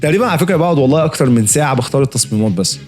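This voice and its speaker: A young Egyptian man critiques graphic designs in a rapid, chatty, friendly flow. His voice sits at an ordinary middle pitch and never slows down. Faint music plays underneath. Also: expressive, darkish tone. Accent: Egyptian Arabic. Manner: rapid, chatty, lots of fillers and friendly asides. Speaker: design reviewer host.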